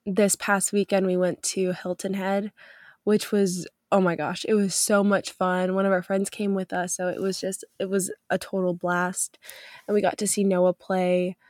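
A young woman hosts a faith podcast, chatting in an upbeat, loose way full of fillers, her voice stuffy from a cold. Her medium-pitched voice is flat in delivery at a normal speed with a darkish tone, recorded clean in a studio with no room sound.

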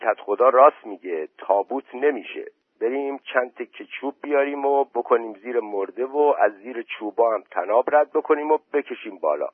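A man voicing a sensible old village elder who gives calm advice. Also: mid-range voice, slightly rough, dry recording. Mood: advising. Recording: dry tinny phone-like voice message.

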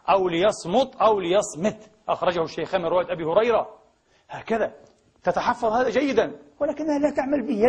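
Male preacher, mosque sermon, quick delivery, high voice, husky edge, lively and playful. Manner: animated, acts out dialogues, laughs while preaching. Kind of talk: Friday sermon.

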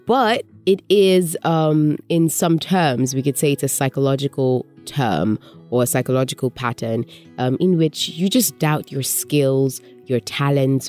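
A woman with a low voice speaks candidly as a radio presenter and voiceover artist. She tells personal stories and acts out the remarks people made to her. Soft guitar music plays faintly behind her. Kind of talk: reflective personal talk.

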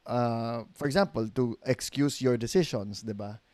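Speaking at an unhurried pace in a medium pitch, a middle-aged Filipino pastor chats as a podcast guest. He's a lively storyteller who performs the voices of people he quotes and laughs readily. There's no echo.

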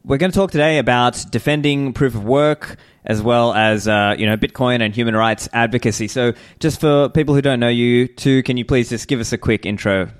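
A man hosting a podcast, introducing his guests in a relaxed, filler-heavy way. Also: medium pitch, a little fast, few pauses. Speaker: podcast host. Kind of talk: casual interview introduction.

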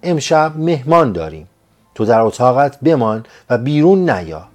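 A man's voice: mid-range voice, big pitch swings, darkish tone, soft background music, lightly acted. Stern, commanding madam of a house, middle-aged woman, curt orders, read by a male narrator for an audiobook.

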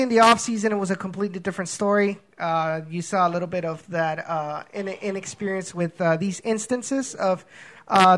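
A man's voice: high-pitched, fairly bright tone. A man co-hosting a soccer podcast in casual chat, rambling with many restarts and fillers. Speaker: podcast co-host.

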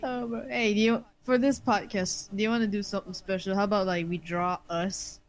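A woman's voice: mid-range voice, fairly quick. Joking woman guest on a podcast. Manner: joking, deadpan, swears freely. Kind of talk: casual podcast chat.

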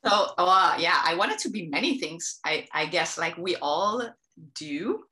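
A fairly low-voiced woman from Romania chats as a podcast guest, enthusiastic and talkative, often restarting her sentences. She speaks over a remote call mic. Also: expressive, unhurried, bright, forceful tone. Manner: enthusiastic, chatty, frequent restarts. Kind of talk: conversational interview. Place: home in Amsterdam.

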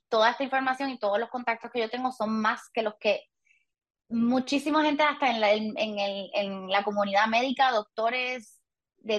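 A Puerto Rican woman in her thirties talks openly and casually as a podcast guest, sometimes poking fun at herself. Her voice sits a little high. The audio is dull and lo-fi. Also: a bit bright. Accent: Puerto Rican Spanish. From Puerto Rico. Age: 30s. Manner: candid, chatty, with light self-mocking humor. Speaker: guest, patient.

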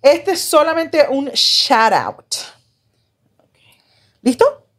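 Podcast girl reading out listener messages, fairly high voice, dry quips. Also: very animated, a bit bright. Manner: reads listener messages aloud, quick, dry comments. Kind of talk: casual chat.

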